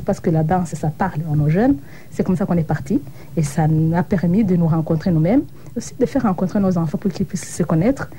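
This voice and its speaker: A woman's voice: medium pitch, warm tone, a little hiss or hum. A middle-aged woman from Rwanda, answering interview questions in an earnest, thoughtful way and sometimes searching for words. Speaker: interviewee, association co-founder.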